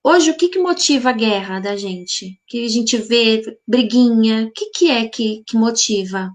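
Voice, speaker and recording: This is a spiritual healing group host giving a live reflective talk, answering comments from viewers while musing and asking many rhetorical questions. Her voice leans high and she speaks a little slowly.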